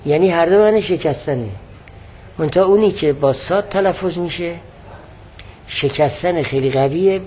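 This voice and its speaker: A man teaches a religious text, patiently explaining what words mean and repeating the key definitions. His voice is fairly high with a darkish tone, and there is slight background noise.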